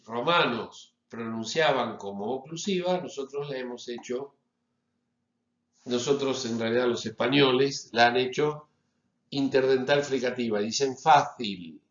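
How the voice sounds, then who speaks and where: A man giving a lecture as a teacher, deliberately stressing each example word. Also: medium pitch, fairly bright tone. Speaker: Latin teacher. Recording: roomy, slightly dull recording.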